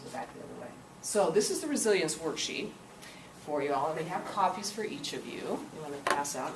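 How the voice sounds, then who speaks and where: A deep-voiced woman presents an interactive workshop in a classroom or meeting room, coaxing her audience and frequently asking "okay?" to check they understand. A distant camcorder captures her, so the room echoes and a steady noise sits underneath.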